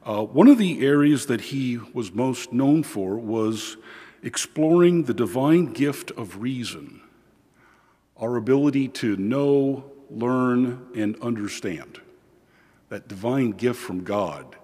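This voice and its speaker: A man serving as priest, reading the gospel and then preaching slowly and measuredly, his voice carried by a long cathedral-like echo in a large church. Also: mid-range voice, animated, mellow, slightly rough. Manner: slow and measured, with frequent "uh" fillers in the homily. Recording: reverberant church hall.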